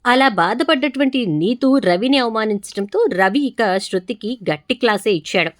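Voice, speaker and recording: A woman's voice: fairly high pitch, lively intonation, moderate pace. A woman narrating a casual story recap in a chatty way, stringing events together one after another.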